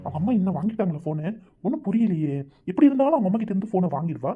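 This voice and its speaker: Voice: medium pitch, big pitch swings, rapid-fire, husky, faint music behind. A voice actor playing a moody, lovesick young man in a cartoon, speaking in a sullen, snapping manner. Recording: dull lo-fi recording.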